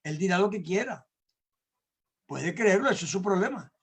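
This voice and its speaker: Older male pastor, high light voice, emphatic teaching sermon, repeats words for stress. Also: lively intonation, normal speed, breathy edge. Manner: explains with everyday examples, asks listeners to agree.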